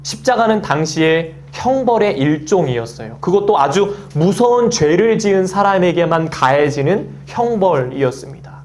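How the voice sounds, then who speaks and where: A man's voice: sits high, lively intonation, normal speed, hardly any pauses, a little mellow. A man in his thirties preaching a Sunday sermon as pastor, acting out quoted voices and a child's play as he goes.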